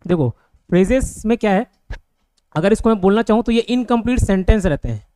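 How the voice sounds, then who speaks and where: A man's voice: high voice, animated, mellow, smooth, no room sound. A man with an Indian accent teaching an online grammar lesson. He explains step by step and keeps asking his students whether they follow. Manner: explains slowly, with many checking questions.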